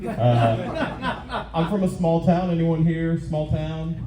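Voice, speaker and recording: A man doing stand-up on stage at an open mic, talking in a halting, conversational way and repeating his phrases. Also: fairly high pitch, expressive, a crowd in the background. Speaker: stand-up comedian. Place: live comedy venue on stage. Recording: echoey room, dull muffled sound.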